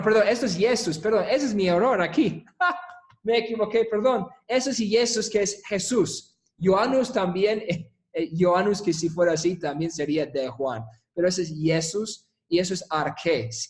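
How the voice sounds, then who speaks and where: A man's voice: on the high side, darkish tone. A man teaching a recorded online Greek lesson in a conversational way, with many fillers, restarts and self-corrections. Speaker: Greek instructor.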